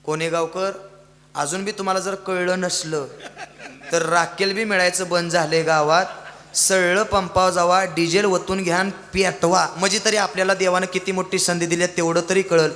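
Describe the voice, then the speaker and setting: A male preacher from Maharashtra delivers a storytelling sermon and presses the audience to shout back answers. His high, bright voice rings with long reverb through a large hall. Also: flat delivery, normal speed. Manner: exhorting, calls on the audience to answer. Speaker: kirtan preacher.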